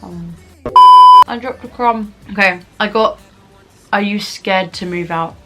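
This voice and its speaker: A woman's voice: medium pitch, slow pace, fairly bright tone, low-quality recording. A young adult woman with a southern English accent chats casually in a rambling, informal mukbang vlog. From England, Kent. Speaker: vlogger answering viewer questions.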